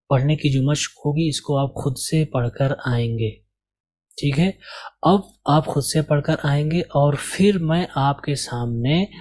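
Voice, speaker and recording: A man's voice: medium pitch, a little mellow. A man from India, teaching an English course and patiently explaining how to do the exercises, repeating his key points. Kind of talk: explaining a language course lesson.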